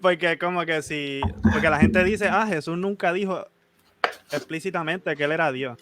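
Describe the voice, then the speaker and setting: A man's voice: fairly high pitch, moderate pace, crowd noise. A man co-hosting a casual Bible discussion podcast, cutting in politely and then reading verses aloud.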